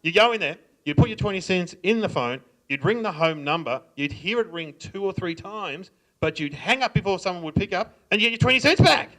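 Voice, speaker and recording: A man's voice: high voice, lively intonation, a little fast, few pauses, pushed and bright. A middle-aged Australian man telling funny stories at a live stand-up show, laughing and mimicking. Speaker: comedian. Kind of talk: stand-up storytelling. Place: library event room.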